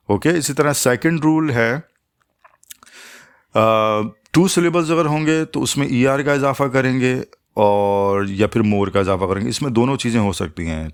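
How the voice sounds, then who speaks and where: Speaking in a mid-range voice, this man walks through an English grammar lesson step by step with patience. Each English example gets slowed down and spelled out.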